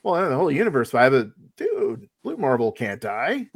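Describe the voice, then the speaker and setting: Animated man co-hosting a podcast. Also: medium pitch, normal speed, creaky, slightly rough, dry recording. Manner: animated, exclamatory, says "dude" a lot. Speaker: podcast co-host. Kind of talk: casual chat.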